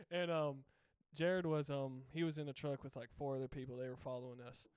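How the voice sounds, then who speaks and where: A man's voice: mid-range voice, little pitch movement, moderate pace, a little mellow, clear, resonant tone, dry recording, clean studio sound. A young man co-hosting a casual podcast, telling stories and laughing often. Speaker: podcast co-host.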